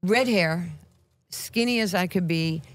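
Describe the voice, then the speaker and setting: New york lady telling wild stories, lively, tough, acts out every quote. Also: on the low side, slow, dry recording. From New York, USA. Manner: animated, street-tough storytelling full of acted quotes. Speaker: guest. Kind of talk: casual storytelling.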